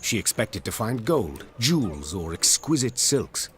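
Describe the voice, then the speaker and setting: A male narrator reading a game's storybook in a measured, dramatic way. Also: fairly low pitch, very animated, a little hiss or hum.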